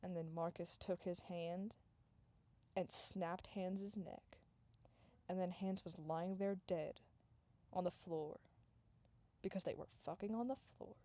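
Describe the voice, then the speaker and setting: A woman telling an improvised comic story in a deadpan, run-on way, stringing events together and sometimes dropping to a hush. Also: lowish voice, slow. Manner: deadpan, run-on "and then" narration, dropping to hushed tones.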